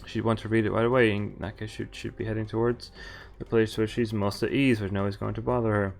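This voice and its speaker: A man streaming a visual novel at home reads the narration aloud casually, stumbling and tossing in asides. His voice is lowish, level and creaky, and he talks quickly over faint game music.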